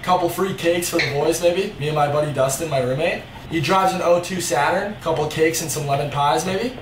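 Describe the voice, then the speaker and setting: A man in his twenties talks in a rambling, slangy way on a prank call. His voice sits a little high. It is recorded off-mic in a roomy space with clear noise. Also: fairly quick, distant mic. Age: 20s. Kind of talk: casual prank phone call. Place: living room, seated on a couch.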